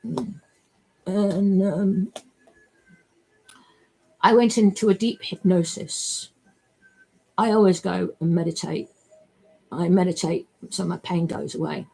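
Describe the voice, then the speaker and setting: Slow, husky woman rambling. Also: on the low side, steady tone, dark tone. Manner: emotional, rambling, swears freely. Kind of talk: rambling personal monologue.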